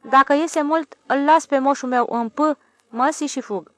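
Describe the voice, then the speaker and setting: A brash village boy from an audiobook, rough-spoken and boastful, as a woman narrator voices him. His lines sit a little higher than plain talk. The sound is close and dry. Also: a bit bright, no echo.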